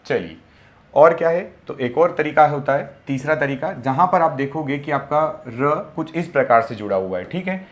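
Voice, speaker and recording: A young man teaching a Hindi grammar class for exam preparation, who asks rhetorical questions, answers them himself and repeats key words slowly. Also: on the high side, lively intonation.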